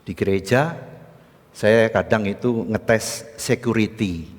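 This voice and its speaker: East Javanese pastor preaching in an echoey hall. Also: male voice, slow pace. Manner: storytelling, acts out dialogue with sharp pitch jumps. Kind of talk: sermon. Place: church sanctuary.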